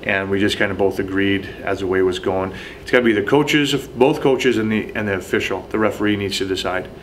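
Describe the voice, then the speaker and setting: A man's voice: on the low side, brisk. A man in his forties, a football coach, explaining casually in an interview in a small room. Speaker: high school football coach. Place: small indoor office. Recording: noisy small-room camera recording.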